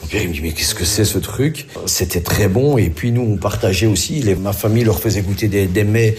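A middle-aged Belgian man with a Belgian French accent talks fairly quickly in a fairly low, darkish voice. As an interviewee recounting family memories, he chats and reminisces colloquially, using conversational tags.

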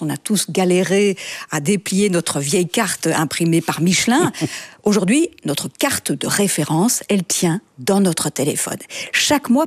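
A woman from Belgium delivers a radio explainer in a clear, conversational tone. Her voice sits a little low and has a husky edge. The sound is dry and close. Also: darkish tone, no room sound. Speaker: radio columnist.

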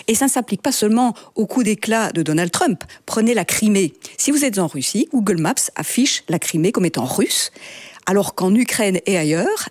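A woman radio columnist, explaining a news topic in a clear commentary. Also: mid-range voice, darkish tone, no echo, clean studio sound.

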